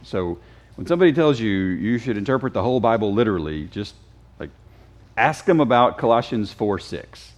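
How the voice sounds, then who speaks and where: Lively joking teacher, a man. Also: lowish voice, moderate pace. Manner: lively, joking, quizzes the class. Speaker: Sunday school teacher. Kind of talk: casual Bible class teaching. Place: church classroom.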